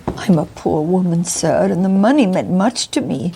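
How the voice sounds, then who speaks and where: A woman's voice: lowish voice, expressive, moderate pace, creaky, dark tone, a little hiss or hum. A woman playing a nervous, deferential Victorian landlady in a mystery role-play, with a stammering, frightened manner. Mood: anxious, deferential.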